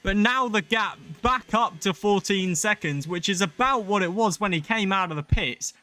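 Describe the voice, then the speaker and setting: A young man giving excited live commentary on an online sim racing league race, his voice rising sharply at crashes and the arrival of rain. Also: high-pitched, normal speed.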